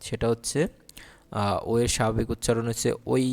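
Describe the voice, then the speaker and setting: A man's voice: mid-range voice, steady tone, brisk, creaky. A man teaching an exam-prep grammar lesson. He explains step by step, asking questions and answering them himself.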